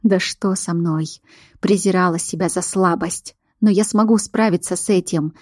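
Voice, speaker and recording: A woman reading a first-person novel aloud as narrator, with an expressive, emotional delivery. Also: fairly low pitch, moderate pace, dry recording, studio quality. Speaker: audiobook narrator.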